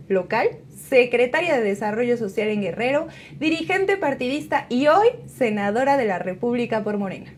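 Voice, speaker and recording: A woman hosts an interview from a studio, her voice pitched high. She reads a formal introduction before moving into questions. A faint hiss sits under the recording. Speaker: interview host. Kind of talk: scripted introduction then interview.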